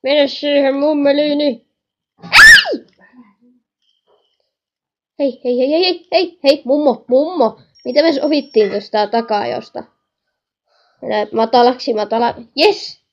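A young woman chatting excitedly while playing a horror game, talking to viewers and scolding her mother in the background. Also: high voice, dull audio. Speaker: gaming channel host. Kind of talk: game commentary.

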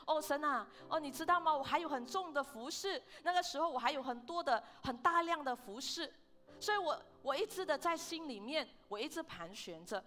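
A woman pastor, preaching a lively sermon in a church service, firing questions at the congregation and slipping in English words. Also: high-pitched, fairly quick.

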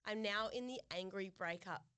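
A young woman co-hosting a chatty podcast, swearing freely and telling her story with plenty of animation and laughter. Her voice sits at a middle pitch, and the recording is dry and close to the mic. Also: moderate pace, pushed and bright, no echo. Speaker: podcast co-host. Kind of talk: casual chat.

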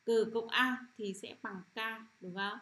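A middle-aged woman teacher leading a children's phonics lesson, sounding out syllables slowly and often asking if the class has understood. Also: mid-range voice, steady tone, a bit bright. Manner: repetitive, checks understanding with frequent "được chưa?".

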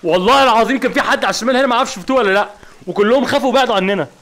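High-voiced fast Egyptian man gaming. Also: fairly bright tone. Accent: Egyptian Arabic. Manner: jumpy, keeps asking what is going on, frightened exclamations. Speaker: gaming video host. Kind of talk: let's play commentary.

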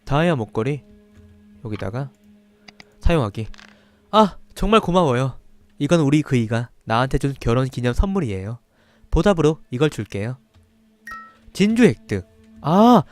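Male horror game streamer, lively swings in pitch, talks through on-screen text, faint game music underneath. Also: moderate pace, long pauses. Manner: reads on-screen text aloud between muttered asides to himself. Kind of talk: horror game let's play commentary.

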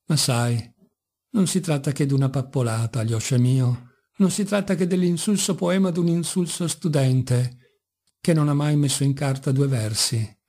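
A brooding young intellectual, as a male audiobook narrator reads him, talks with cold, mocking irony that turns passionate. The voice is a touch high and mellow. It is a plain storybook reading. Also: fairly even intonation, measured pace. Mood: ironic. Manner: ironic, bitter, sometimes passionate.

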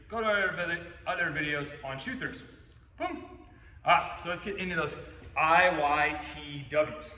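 A man's voice: pushed and bright, echoey room, long reverb tail, recorded from a distance, a little hiss or hum. Breathless upbeat man coaching a workout. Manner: upbeat, cues moves with "boom". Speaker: fitness coach. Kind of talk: workout instruction demo. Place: gym.

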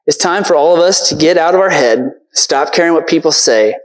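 A man's voice: on the high side, brisk, poor audio. A man preaching a casual, earnest sermon from a church stage, talking conversationally with lots of fillers.

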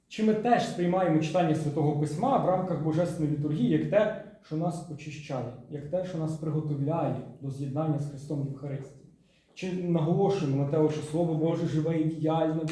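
A man's voice: a little high, warm tone. Lecturing man in an echoey hall. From Ukraine. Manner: measured, thinking aloud with frequent filler pauses and "так?" checks. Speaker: graduate student giving a conference talk. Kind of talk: academic presentation reading and commenting on sources. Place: conference hall at a round table. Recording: distant mic in a very echoey hall.

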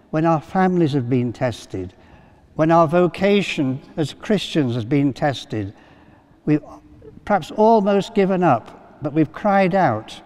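An older priest gives a sermon in a slightly raised voice, telling his story gently with pauses and little fillers. His words ring out with the long reverb of a big cathedral, picked up by a pulpit mic. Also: on the high side. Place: large cathedral.

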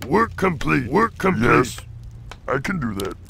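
A man voicing a simple, servile orc labourer in a fantasy video game, answering in short, clipped, gravelly replies. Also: fairly high pitch, very animated, measured pace, heavy background noise, heavily acted. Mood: dutiful. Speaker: game unit voice. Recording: loud game music behind.

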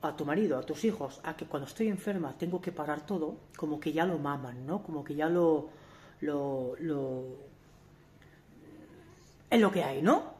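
A woman's voice: deep voice, normal speed, darkish tone, a little hiss or hum. A woman in her forties vlogging to camera in a candid, emphatic way, often restarting and asking rhetorical questions. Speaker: family vlogger. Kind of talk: talking to camera.

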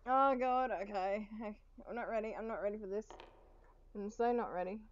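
A young woman giving casual commentary while playing a video game, often breaking into excited, gasping exclamations. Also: medium pitch, fairly quick, slight background noise. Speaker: gaming YouTuber. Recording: dull lo-fi audio with game music. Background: game music.

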